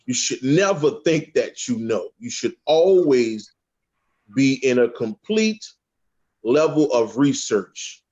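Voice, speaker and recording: Slow, profane man talking spirituality casually, constant "okay?" check-ins; muffled low-fi audio. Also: big pitch swings, a little mellow. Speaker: guest speaker on a spiritual panel.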